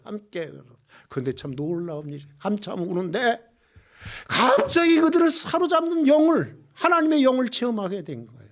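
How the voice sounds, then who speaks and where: High, lively-voiced man preaching. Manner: impassioned, swings between loud exclamations and hushed low passages; addresses the congregation with rhetorical questions. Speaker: pastor. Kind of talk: sermon. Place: church.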